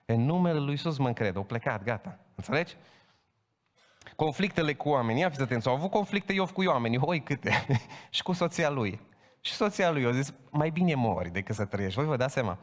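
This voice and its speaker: A man preaching a Pentecostal sermon, emphatic and building to loud proclaiming. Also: medium pitch, animated. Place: church hall. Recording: long hall reverb.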